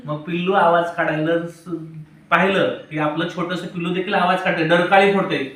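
A man's voice: high voice, little pitch movement, a little fast, a bit bright. A man teaching a classroom of children, asking them questions and prompting answers. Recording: very echoey room, voice from far off.

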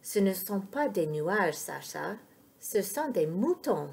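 A woman's voice: medium pitch, big pitch swings, slow, vocal fry, darkish tone, heavily acted. A woman reading a storybook aloud, voicing a confident older girl who patiently explains the world to a younger child. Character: confident, knowing big-sister girl who likes to explain.

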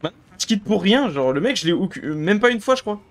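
A man's voice: high-pitched, very animated, brisk. A man in his thirties giving live gameplay commentary as a streamer, ranting with exasperation and sarcasm. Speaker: gaming streamer. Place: indoor room at home.

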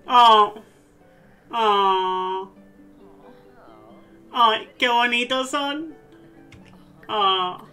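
A man with a Spain Spanish accent giving gushing, excitable let's-play commentary over a life-sim game. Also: high-pitched, extremely slow, long pauses, faint music behind. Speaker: gaming streamer.

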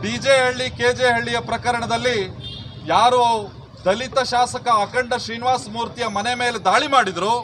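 A man's voice: very high-pitched, steady tone, normal speed, fairly bright tone, faint music behind. A man, a protest leader, giving a fiery political speech at an outdoor street protest and repeating phrases for emphasis.

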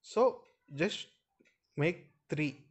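A man's voice: fairly high pitch, expressive, extremely slow, husky. A man with an Indian accent hosting an informal screen-share tutorial, explaining step by step and often addressing his viewers directly. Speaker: video host.

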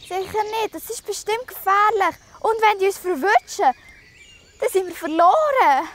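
A woman's voice: very high-pitched, expressive, normal speed. A woman playing a worried, cautious schoolgirl. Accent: Swiss German. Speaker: actor in an amateur short film. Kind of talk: amateur film acting.

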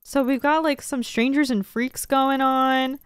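A young woman chatting through a first playthrough of a video game, chatty and excitable. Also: high-pitched, measured pace, slight background noise. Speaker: let's play gamer. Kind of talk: casual gameplay commentary.

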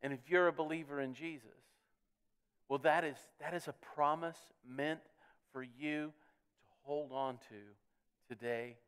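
Man, pastor, sermon, higher voice, smooth and resonant, repeats words as he presses a point. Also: fairly even intonation, measured pace, pauses often, a bit bright. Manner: earnest preaching with frequent word repeats, swelling on key words. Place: church sanctuary.

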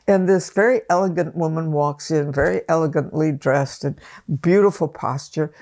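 Seated indoors at home in a wood-panelled room, an older woman who teaches dance reminisces for a closely framed interview camera. Her voice is low with a darkish tone and moves at normal speed, and she frequently starts her sentences over.

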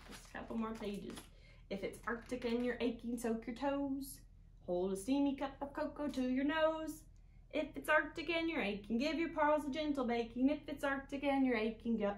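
Her fairly high voice carries a partly sing-song storytime as this young adult children's librarian reads a picture book aloud, cheering the children on and asking them to take part. The setting is a couch in a small room indoors. A camera several feet off picks up the sound, along with echo and some background noise.

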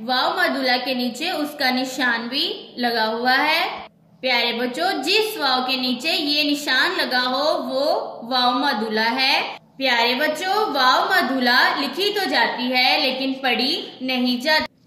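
Woman teacher doing a kids reading lesson, spells words out letter by letter, slow and high. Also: bright, forceful tone, echoey room. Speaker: Urdu teacher.

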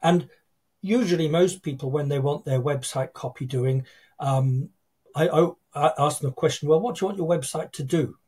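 An older man talks through a video call from a book-lined home office, with a husky, slightly breathy voice pitched a bit high for a man. He tells stories with energy and acts out the people he quotes. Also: moderate pace, a little mellow. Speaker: guest copywriter. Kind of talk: casual interview chat. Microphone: video call webcam.

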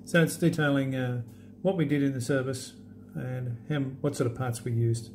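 A man walking through an app demo in a relaxed, halting way with many fillers. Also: mid-range voice, slight background noise. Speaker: app demonstrator. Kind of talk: unscripted screen demo walkthrough.

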